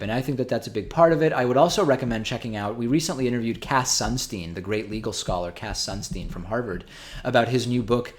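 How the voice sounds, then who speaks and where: Reading viewer donations on his live stream, this native Spanish speaker keeps things casual, his lowish voice broken by ums and restarts as he thinks out loud.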